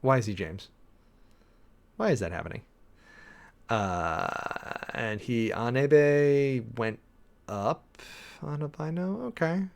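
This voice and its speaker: A man preparing a sermon out loud, casually thinking through scripture with many fillers and restarts, sometimes slowly reading Greek. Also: medium pitch, animated, vocal fry. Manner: reads and parses Greek text slowly. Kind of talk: casual sermon-prep talk.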